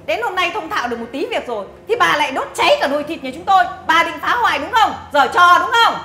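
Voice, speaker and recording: A woman's voice: very high-pitched, big pitch swings, fast talker, sharp tone, roomy sound, exaggerated voice. An actress playing a scornful, bossy mother-in-law who scolds and mocks with sneering laughs. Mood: scornful scolding. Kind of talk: family drama acting.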